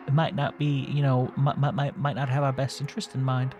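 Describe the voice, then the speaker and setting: A man's voice: medium pitch, monotone, brisk, a little mellow, soft background music. A man hosting a game playthrough, reading the story aloud dramatically with wry, sarcastic asides. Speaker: gaming host reading aloud.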